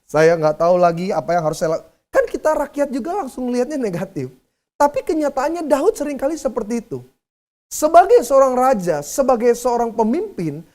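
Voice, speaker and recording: A woman's voice: a little high, warm tone. A woman pastor preaching a sermon. She moves between reading scripture and casual, humorous asides, and laughs along with her own everyday examples.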